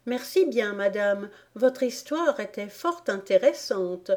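A woman's voice: mid-range voice, lively intonation, slow pace, darkish tone. A woman voicing a polite, curious little girl in a storybook reading, in a raised, prim and questioning voice.

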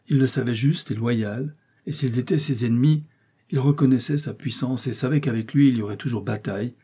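A man reading a novel aloud in steady, measured audiobook narration. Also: medium pitch, husky. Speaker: audiobook reader.

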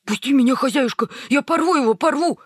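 A woman voicing a snobbish, hysterical small female dog with a shrill, excitable manner. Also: a little fast, dry recording, clean studio sound, natural voice. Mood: furious.

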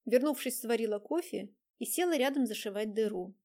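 A woman reading an audiobook in an even, measured narration. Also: on the high side. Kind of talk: scripted narration.

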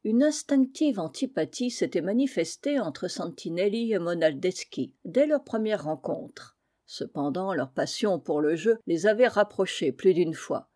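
Mellow-voiced woman reading a historical tale. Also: lowish voice, expressive, measured pace. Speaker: audiobook reader. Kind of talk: scripted narration of a historical tale.

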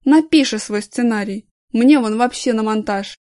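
A woman's voice: fairly high pitch, moderate pace, dark tone, dry recording, close to an everyday voice. A woman voicing a grudging, wry male editor.

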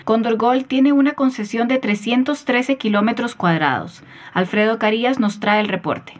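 A woman anchoring a radio news magazine, reading headlines in a crisp, formal way. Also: fairly high pitch, moderate pace.

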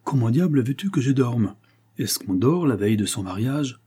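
A man's voice: mid-range voice, animated, normal speed, mellow, breathy edge. A man reading the part of a scheming young male bandit in an audiobook, speaking in a mocking, carefree tone.

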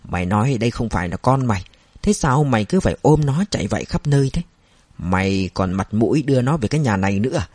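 A bitter, scornful old father, as a narrator puts him on, shouting in a loud, slurred drone. His voice is dark and husky and sits close and dry, in a plain storybook reading. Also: medium pitch, lively intonation, fast, no echo. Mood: scornful berating. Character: angry drunk older father, bitter and scornful.

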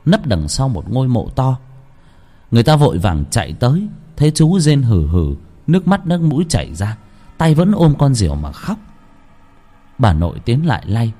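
A man narrating a rural ghost story in an expressive storytelling voice. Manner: expressive storytelling with a wide pitch range.

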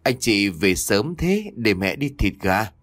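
A man voicing a frightened, gentle old grandmother in a spoken ghost story, calling out in a raised voice. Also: lowish voice, very animated, takes it slowly, dry recording, clean studio sound, full character voice.

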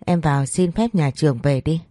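A woman's voice: low voice, normal speed, mellow, no room sound, studio quality, faint music behind, lightly acted. A woman voicing a grown man, an elder brother-in-law who speaks steadily and reassuringly while holding back grief. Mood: calm.

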